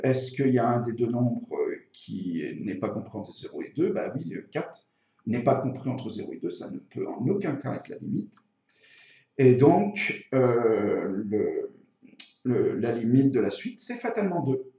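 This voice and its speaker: A man's voice: mid-range voice, warm tone. Hesitant male tutor in an echoey room. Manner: hesitant, thinking aloud, self-correcting. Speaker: maths teacher. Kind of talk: spoken maths tutorial, explaining step by step. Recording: echoey room, slightly dull sound.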